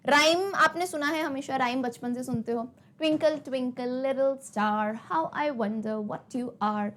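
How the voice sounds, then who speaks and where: A woman's voice: sits high, fairly bright tone. A young woman teaching a class in Hindi mixed with English, explaining step by step and voicing her students' answers herself.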